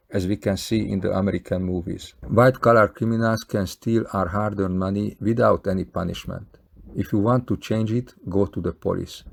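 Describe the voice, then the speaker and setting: Low, gravelly man with a Hungarian accent. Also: a little mellow. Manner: earnest, plain-spoken, non-native phrasing. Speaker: video maker appealing to fellow scam victims. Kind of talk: scripted appeal to camera.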